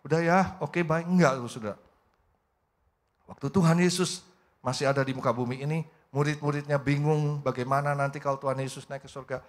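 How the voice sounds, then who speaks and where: A male pastor delivers a Sunday sermon in a plain, middle-pitched voice. He talks straight to his listeners, swings his tone up and down for emphasis, and briefly mimics the voices he quotes. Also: brisk, long pauses. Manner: animated, acts out quoted voices, addresses listeners directly. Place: church hall in a mall.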